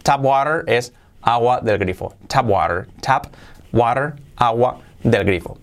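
A man's voice: medium pitch, takes it slowly. A man with a Spain Spanish accent giving a casual English lesson, repeating each word and switching between Spanish and English. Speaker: English teacher.

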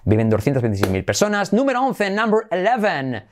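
A man's voice: high-pitched, huge pitch swings, brisk, noisy background. A man from Spain with a Spanish accent giving a bilingual pronunciation lesson, playful and repeating words with exaggerated emphasis. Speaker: English pronunciation teacher.

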